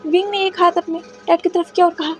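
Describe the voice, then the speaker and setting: A woman's voice: very high voice, steady tone, brisk, faint music behind, low-quality recording. A woman narrating a fan fiction story in a dramatic retelling. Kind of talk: fanfiction narration.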